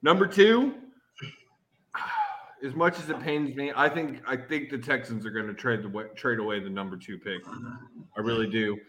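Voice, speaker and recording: Lively bright-voiced podcast host man. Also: mid-range voice, normal speed, pauses often, slight background noise, low-quality recording. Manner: loose, swearing, leads the segment. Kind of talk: casual sports chat.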